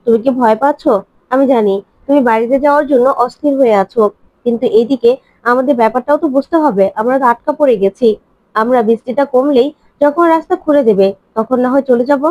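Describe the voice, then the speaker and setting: A woman's voice: high-pitched, darkish tone, no echo, close to an everyday voice. A woman voicing an adult man who is insistent, hurt and defensive, pressing one reproachful question after another in a dry, dull recording. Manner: pleading, rapid, reproachful questions.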